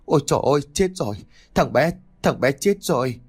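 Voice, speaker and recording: A man's voice: animated, unhurried, a little mellow, husky. A man playing a panicked young villager shrieking out. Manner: shrill, alarmed outbursts.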